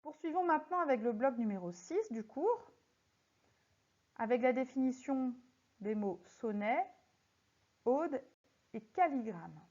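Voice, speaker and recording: A woman teaching a recorded lesson on poetry, speaking slowly and deliberately and stressing words syllable by syllable as she works through exercises. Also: high-pitched, expressive, a little mellow. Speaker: French teacher. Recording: slightly muffled lo-fi audio.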